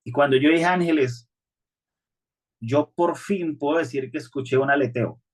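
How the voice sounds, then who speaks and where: A man preaches a sermon to his congregation. His voice sits a little high for a man, and he talks in an earnest, conversational way, often restarting his sentences. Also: normal speed. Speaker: pastor.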